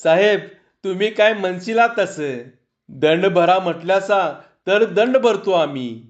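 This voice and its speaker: A cowed village man pleads humbly and offers to pay up, as a male storyteller puts him on. The voice goes high and meek. It sounds dull and lo-fi. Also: expressive, measured pace. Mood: begging. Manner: submissive, begging. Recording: dull lo-fi recording.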